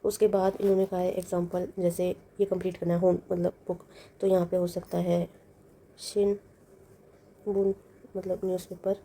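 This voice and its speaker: Mellow-voiced woman teaching a lesson. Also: fairly low pitch, flat delivery, moderate pace, long pauses. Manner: explains patiently, repeats words with meanings. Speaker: language teacher. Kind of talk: lesson walkthrough.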